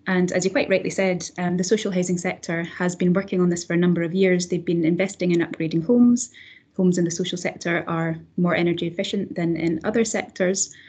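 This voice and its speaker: A woman chairs an online session over a video call. Her voice is husky and a little low. She speaks in a measured way with frequent ums. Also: a little mellow. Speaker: event chair. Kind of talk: moderating a panel.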